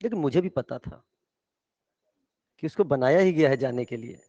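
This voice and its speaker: A man teaching chemistry in a lively lecture, often asking whether students follow and telling stories, in an echoey hall with dull sound. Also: medium pitch, normal speed. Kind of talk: classroom lecture with storytelling.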